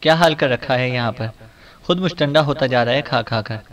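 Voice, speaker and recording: A loud, shrill old mother who scolds everyone around her and holds fast to her superstitions, as a male narrator puts her on in an audiobook. Her voice rises sharply and hits hard, pushed well above the reader's usual level. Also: natural voice. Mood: angry scolding.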